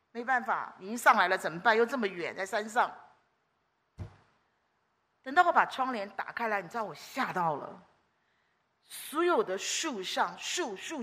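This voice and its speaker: Woman preacher, high and bright, lively storyteller with exclamations; sermon delivery. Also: slightly rough.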